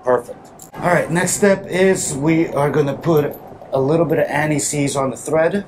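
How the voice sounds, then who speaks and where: Here a man with a fairly high voice speaks at a moderate pace. Likely in his thirties, he hosts an informal motorcycle how-to vlog while working in a small garage, and the workshop around him is clearly noisy.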